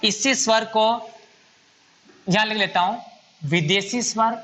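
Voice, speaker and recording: A man's voice: sits high, slow pace, bright, forceful tone, a little hiss or hum. A man teaching a grammar lesson at a whiteboard, patiently repeating and counting items aloud.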